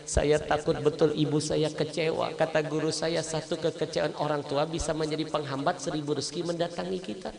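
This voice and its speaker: A man's voice: a little high, brisk, creaky, crowd noise. A man preaching a storytelling sermon at a religious gathering, with a Malaysian Malay accent, animatedly acting out the voices of the people in his story. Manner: animated, acts out voices of mother and others. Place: religious gathering with a live audience.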